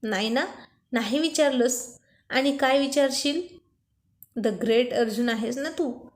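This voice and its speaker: A woman's voice: high-pitched, slow pace. Woman doing an angry, jealous young wife. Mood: indignant. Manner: indignant, scolding. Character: young wife, executive, quick-tempered and jealous.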